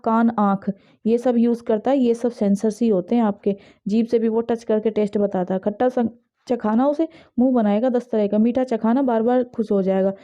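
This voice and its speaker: A woman with an Indian accent giving an exam-prep lesson, reading English questions slowly and explaining them briskly in Hindi. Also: on the high side, dark tone. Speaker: teacher. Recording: dull lo-fi audio.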